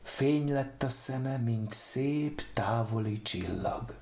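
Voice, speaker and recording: A dramatic storyteller reading a fairy tale aloud at a middle pitch. Rhythmic lists build louder and louder, and tender passages sink to a near-whisper. Every line is performed, never flat. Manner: rhythmic, swings from loud chanted lists to hushed whispers.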